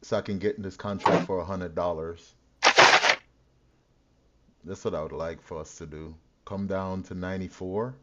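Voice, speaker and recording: Low-voiced, slangy man streaming live trades, muffled. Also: steady tone, moderate pace, pauses often, very noisy. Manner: slangy, heavy swearing. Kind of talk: live trading stream commentary, casual chat.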